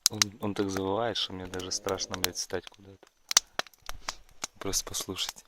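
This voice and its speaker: A man speaks in a low, even voice through heavy noise and clicks. He is vlogging casually outdoors at night, and his talk is loose and full of swearing. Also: normal speed. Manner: profane. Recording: very noisy outdoor camera audio with clicks.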